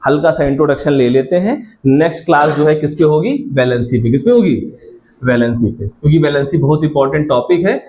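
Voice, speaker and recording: A man's voice: a little high, a little mellow, slight background noise. A male science teacher giving a classroom lecture, repeatedly asking students questions and answering them himself, calling them child affectionately.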